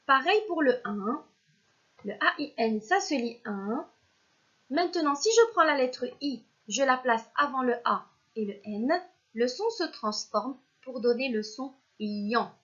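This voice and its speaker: Slow, patient woman teacher sounding out syllables. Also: high-pitched, lively intonation, a bit bright, dull audio. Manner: speaks directly to the pupils as if they are present, praising them. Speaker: primary school teacher. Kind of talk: recorded remote reading lesson for young children.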